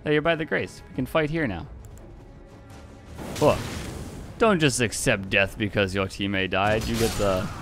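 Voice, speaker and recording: A gaming YouTuber with a fairly low voice gives casual, playful commentary over his own gameplay, with music in the background. He speaks unhurriedly with long pauses, chuckles often, and greets the players he runs into.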